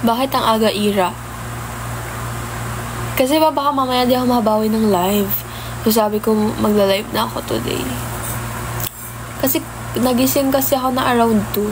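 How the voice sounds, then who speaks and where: A woman's voice: fairly high pitch, moderate pace, long pauses, background noise. A young woman chatting casually on a phone livestream, greeting viewers by name and mixing in English. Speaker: idol livestreamer. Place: home, early morning.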